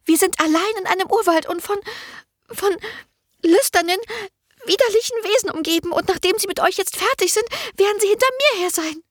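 A woman voicing a frightened young maid who stammers and pleads urgently in a high voice. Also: fairly quick, dry recording. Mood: frightened pleading. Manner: breathless, stammering, urgent whispering. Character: panicky young maid, fearful and anxious.

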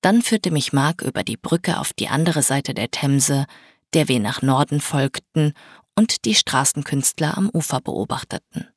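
A woman narrating a first-person audiobook in an even storytelling read, with a husky voice. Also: very deep voice, unhurried, no room sound, studio quality.

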